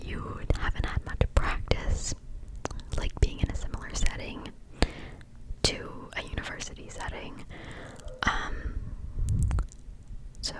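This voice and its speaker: Young woman in a close ASMR whisper. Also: poor audio. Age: young adult. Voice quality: soft, breathy, unvoiced whisper. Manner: whispering close into the listener's ears; informal, rambling, confiding. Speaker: ASMR creator. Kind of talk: ASMR, whispered casual chat. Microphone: close-up ear-to-ear stereo microphone.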